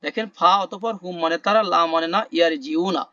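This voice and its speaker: A man teaching an online class, explaining word meanings slowly, repeating terms and quizzing the class. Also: fairly high pitch, sharp tone, no room sound, lo-fi sound. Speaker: Quran vocabulary teacher. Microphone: video call.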